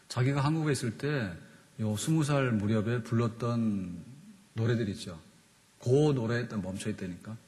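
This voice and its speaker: A man giving a conversational sermon as pastor, asking his listeners questions and answering them himself. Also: mid-range voice. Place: church sanctuary. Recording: long reverb of a church hall.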